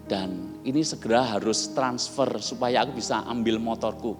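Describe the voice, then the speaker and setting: Man doing a wheedling fake old pal on the phone, slightly low and coaxing, long hall reverb. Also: moderate pace, close to an everyday voice. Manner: coaxing, pleading. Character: smooth-talking male phone scammer posing as old friend. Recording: long reverb, soft music behind.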